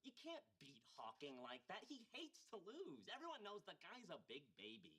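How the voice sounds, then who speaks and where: An actor playing a wisecracking male engineer who tells gossip in a sarcastic, animated way. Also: high voice, normal speed, husky, full character voice. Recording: noisy sitcom audio played back.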